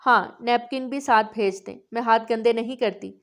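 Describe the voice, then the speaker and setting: A woman's voice: a little high, fairly even intonation, close to an everyday voice. Cheeky spoiled young woman, as a narrator reads her. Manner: chirpy, cheeky.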